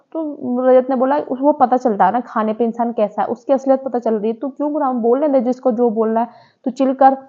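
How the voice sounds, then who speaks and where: A woman's voice: a little high, darkish tone, muffled recording. A woman chatting casually as she reviews a reality show episode, retelling scenes by quoting what the contestants said.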